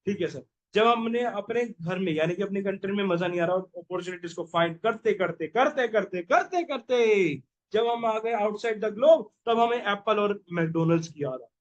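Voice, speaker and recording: A man's voice: high-pitched, normal speed, lo-fi sound. A young man teaching a revision lecture, playful and jokey, who keeps quizzing his listeners with "yes or no?".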